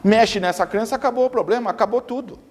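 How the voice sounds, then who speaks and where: A man's voice: high voice, quick pace. A man giving an emphatic lecture, often repeating words for stress. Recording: long reverb of a hall.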